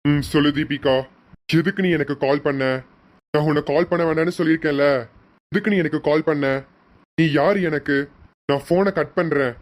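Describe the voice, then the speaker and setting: A woman's voice: deep voice, normal speed, long pauses, natural voice. Woman voicing Arjun, a curt young man. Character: young man Arjun, curt then caring brother-in-law.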